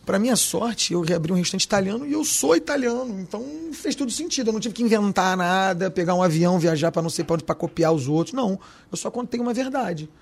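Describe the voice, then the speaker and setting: Husky Carioca man, slangy and emphatic. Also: high voice, animated, quick pace, few pauses. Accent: Carioca Portuguese. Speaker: restaurant owner. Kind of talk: podcast interview.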